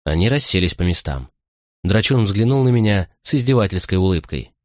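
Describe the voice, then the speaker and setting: A man reading a first-person audiobook narration in a measured, even storytelling manner. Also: sits low, no echo, studio quality.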